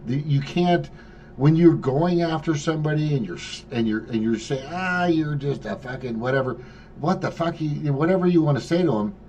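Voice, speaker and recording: A man hosting an open group chat show, talking in a rambling, animated way with lots of swearing and restarts. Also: fairly high pitch, brisk, dull audio, a little hiss or hum. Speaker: podcast host.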